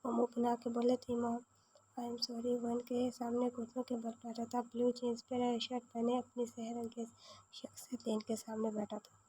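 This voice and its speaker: A woman narrating a romance novel aloud, with a flat, even delivery. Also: fairly high pitch, normal speed, a little hiss or hum, low-quality recording.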